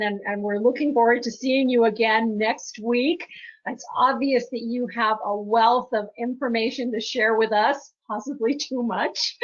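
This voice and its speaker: A woman travel agent speaking in a friendly, gracious way on a webinar. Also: on the high side. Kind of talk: casual webinar wrap-up. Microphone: video call. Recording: dull lo-fi online call audio.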